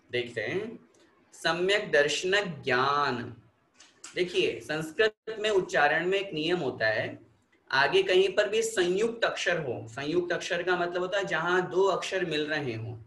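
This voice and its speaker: Slow, bright-voiced man teaching scripture. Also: fairly high pitch, echoey room, a little hiss or hum. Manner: slow, explanatory, leads chanting of verses. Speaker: religious teacher. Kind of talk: scripture lesson.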